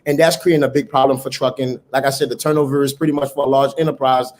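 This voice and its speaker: A man's voice: mid-range voice, little pitch movement, quick pace, darkish tone, a little hiss or hum. A middle-aged man from Haiti, a startup founder telling his story in an earnest, motivational way as an interview guest. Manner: earnest, motivational, occasional repeated words. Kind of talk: conversational interview.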